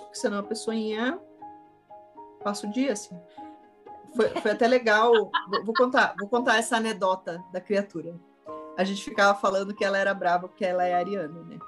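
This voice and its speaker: A woman co-hosting a casual chat, telling family stories with a playful, laughing manner. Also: medium pitch. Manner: storytelling, playful, laughs often. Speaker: podcast co-host, mother.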